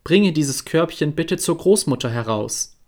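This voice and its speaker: A man voicing a caring mother in a fairy tale, gently giving her daughter an errand. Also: on the high side, animated, a little slow. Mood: gentle.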